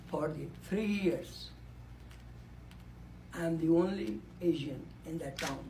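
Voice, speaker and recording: His voice is high and creaky, caught in a low-quality recording with slight background noise. He's a man in his 80s from Nepal, addressing a conference room panel through a handheld or podium microphone, reflective and repeating key words to stress them.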